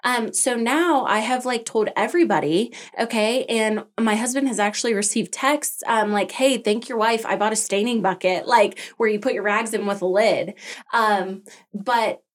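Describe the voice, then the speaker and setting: A woman, a boutique owner, chatting casually as a podcast guest and telling a story in an animated way, acting out her own and her husband's lines. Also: a little high, moderate pace.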